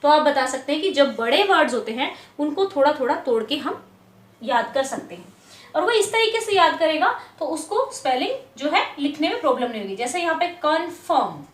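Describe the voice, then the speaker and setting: A woman teacher explaining a lesson to parents, patiently repeating words slowly, syllable by syllable. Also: sits high, very animated, echoey room.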